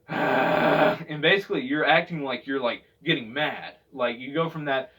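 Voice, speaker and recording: Speaking unhurriedly in a mid-range, fairly bright and slightly rough voice, this male vocal technique instructor gives an informal tutorial. He hesitates, rambles, and repeats himself. The sound is dull, captured by a far-off mic.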